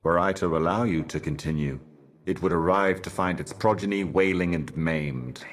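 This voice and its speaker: The Envoy, a man as a profoundly deep cosmic herald. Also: lightly acted. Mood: stern warning. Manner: ominous, grandiose, deliberate, cryptic. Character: solemn otherworldly male herald of cosmic horrors. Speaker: game character, messenger and guardian. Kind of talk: theatrical video game monologue.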